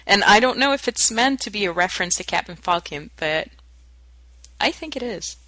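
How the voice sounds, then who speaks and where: A woman co-hosting a casual gaming podcast, laughing often and quoting game lines in a flat voice. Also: mid-range voice, moderate pace, no room sound. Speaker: podcast co-host. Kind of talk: casual chat.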